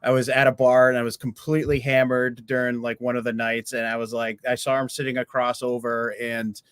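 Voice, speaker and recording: A man's voice: mid-range voice, level tone, brisk, a bit bright, clean tone, no echo. A man co-hosting a podcast, chatting casually in a rambling way with many restarts. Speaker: podcast co-host. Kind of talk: casual chat.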